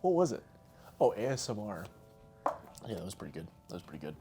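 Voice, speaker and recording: A man's voice: lowish voice, sing-song, fast, mellow, faint music behind. A man co-hosting a casual podcast, reading out joke cards and laughing often between them. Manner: laughs often, tries funny accents. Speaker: podcast co-host.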